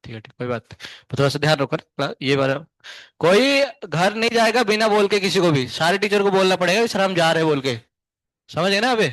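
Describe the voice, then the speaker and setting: A male physics teacher with a high-pitched voice, firing short questions at his class and then talking them through the answers. The sound is dry and close, with almost no room echo. His talk is chatty and a little scolding. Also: expressive, fairly bright tone. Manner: chatty, scolding then explaining, asks students many quick questions; hums tunes to show wave shapes. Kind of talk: live classroom lecture.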